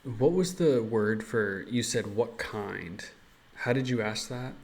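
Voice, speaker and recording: A man practising Japanese as a learner, thinking aloud and speaking haltingly when he tries the language. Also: fairly low pitch, a little mellow.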